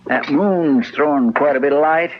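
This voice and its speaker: Man playing Chester, higher-voiced folksy deputy sidekick. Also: moderate pace, natural voice. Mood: uneasy. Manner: folksy, plain-spoken, worrying. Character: loyal, fretful deputy sidekick in the Old West. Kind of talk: 1950s Western radio drama acting. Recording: dull, hissy 1950s radio recording.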